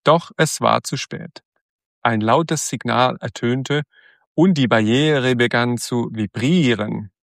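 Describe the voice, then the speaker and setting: A man narrating a storybook in a steady, even reading. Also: mid-range voice, takes it slowly, gravelly, no room sound, studio quality.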